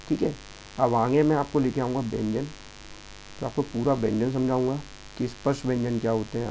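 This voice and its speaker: A man's voice: mid-range voice, gravelly, mellow, a little hiss or hum, low-quality recording. A young man teaching an exam-prep grammar lesson, explaining patiently and checking in with his listeners often. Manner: explaining patiently, repeats "ठीक है" and "दोस्तों" often.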